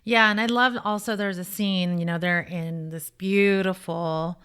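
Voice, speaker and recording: Her fairly low voice is clean and fairly bright, with fairly even intonation and a measured pace. She's a dating coach hosting a show, commenting on relationships conversationally and bluntly, with strong, emphatic opinions.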